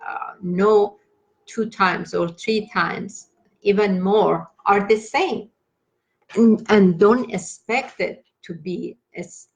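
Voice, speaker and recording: A woman leading a meditation class, giving slow, halting instructions with many pauses and fillers and repeating gentle reassurances. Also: mid-range voice, rough recording. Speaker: meditation teacher.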